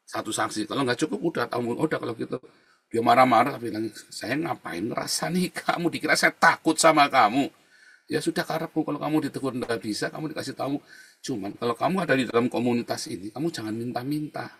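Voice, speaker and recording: A man pastor preaching a sermon in a chatty, storytelling way, often dropping to a low murmur and then rising into loud emphatic bursts. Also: quick pace, slightly rough. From Indonesia. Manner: conversational preaching, keeps adding "saudara ya". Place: the Netherlands.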